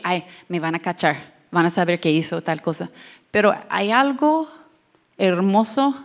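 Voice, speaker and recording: Slow, expressive young woman preaching. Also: mid-range voice. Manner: switches between Spanish and English, laughs at own jokes; expressive, shouts and drops to hushed tones for emphasis. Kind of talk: bilingual sermon.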